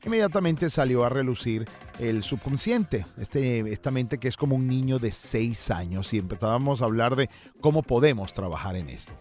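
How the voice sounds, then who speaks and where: A man in his forties hosting an interview program, calmly recapping and asking questions. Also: medium pitch, normal speed, faint music behind. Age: 40s. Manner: calm, recapping, frequent listening sounds. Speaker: radio host.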